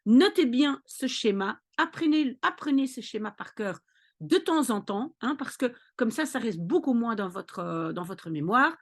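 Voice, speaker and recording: A woman tutor who explains maths slowly and patiently, pausing often to check that her listeners follow. Her fairly high voice rises and falls a lot as she walks through each step. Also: animated. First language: Dutch. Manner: patient, repeats checks like "ok?" and "d'accord?". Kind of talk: explanatory lesson.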